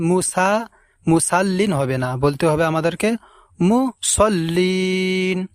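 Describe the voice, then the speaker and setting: A man teaching recitation, stretching each word slowly and repeating it, with quicker explanations between. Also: fairly high pitch, no room sound. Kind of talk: recitation lesson.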